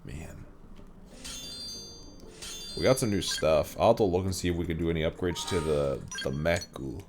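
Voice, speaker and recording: A very low-voiced man streaming a video game, tossing out slangy, laid-back commentary and playful trash talk. Game music plays clearly behind him. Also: moderate pace. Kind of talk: casual gaming commentary.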